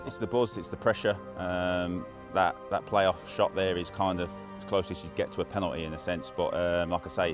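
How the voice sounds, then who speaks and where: A man in his thirties, an amateur golfer talking casually in a post-round interview. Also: deep voice. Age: 30s.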